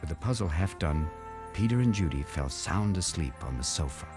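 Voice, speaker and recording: A man narrating a children's storybook aloud in an expressive read-aloud style. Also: deep voice, moderate pace, over music.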